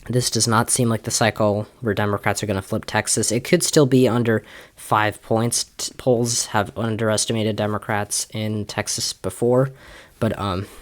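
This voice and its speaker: A man's voice: on the low side, no room sound. A young man giving casual election prediction commentary, talking loosely with many fillers and restarts. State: slightly out of breath. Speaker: political commentator.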